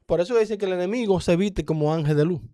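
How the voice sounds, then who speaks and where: A man's voice: high voice, fast talker, warm tone, no echo, clean studio sound. A man with a Dominican accent earnestly giving a personal testimony in conversation, acting out the dialogue as he goes. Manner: earnest storyteller, acts out dialogue.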